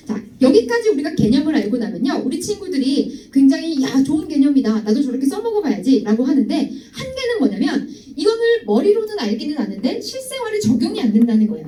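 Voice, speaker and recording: Young female youth preacher, high lively voice, distant and echoey. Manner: lively, teasing, asks students directly. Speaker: youth ministry speaker. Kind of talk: youth sermon with stories. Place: church hall. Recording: echoey hall, voice from far off.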